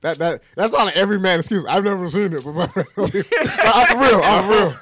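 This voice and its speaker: Dude talkin fast n lively, lots of laughing, dry close sound. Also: male voice, high-pitched, dry recording. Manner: animated, laughing, crude slang. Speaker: podcast co-host. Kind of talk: casual group chat.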